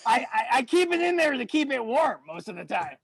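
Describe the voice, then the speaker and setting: A crude, drunken, sleazy wrestler, as a man puts him on, rambling and stumbling over his words. His voice is very high for a man and gravelly and husky. The sound is dry and close. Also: big pitch swings, brisk, fairly bright tone, no echo, exaggerated voice, low-quality recording. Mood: rowdy crude. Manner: rowdy, crude, rambling and stammering. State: tipsy from shots.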